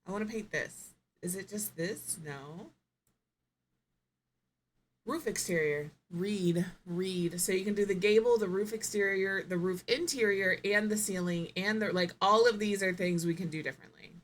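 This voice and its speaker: A woman's voice: medium pitch, normal speed, slight background noise. A woman streamer giving casual live gameplay commentary, thinking aloud, musing and correcting herself as she goes.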